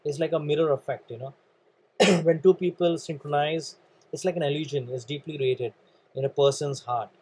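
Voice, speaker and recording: A slightly high-pitched man speaking Indian English, his voice husky and frayed by a nagging cough. He coaches listeners through a motivational training talk, earnest and repetitive, calling them "guys" as he drives each point home. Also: fairly even intonation, moderate pace, warm tone, low-quality recording. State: coughing, clearing throat. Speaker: sales and networking trainer.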